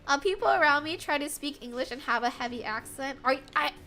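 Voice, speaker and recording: Gaming on stream, a young woman from the United States chats casually with viewers, laughing often in giggly, animated bursts. She talks fairly quickly in a high voice, with faint game music in the background.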